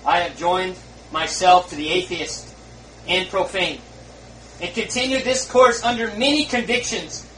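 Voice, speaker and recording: A man's voice: high voice, measured pace, bright, forceful tone, slight background noise. A man voicing a dying, despairing man who rues his unbelief, in anguished rising cries. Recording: roomy, far from the mic.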